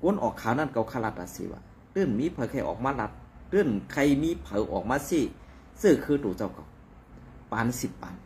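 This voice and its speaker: A man talks through the news in a loose, conversational commentary, full of fillers and asides. His pitch rises and falls a great deal as he goes, though it sits in an ordinary middle register. Faint background noise runs under his voice. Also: sing-song, a little fast.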